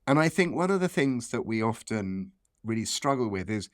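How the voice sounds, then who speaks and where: A man speaking as an expert professor, explaining science conversationally in a measured way and repeating phrases for emphasis. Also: medium pitch, very animated, no echo, clean studio sound.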